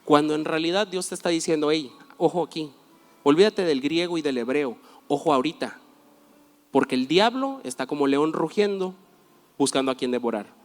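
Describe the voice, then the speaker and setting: Male pastor, fairly high voice, animated storytelling sermon, long hall reverb. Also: moderate pace.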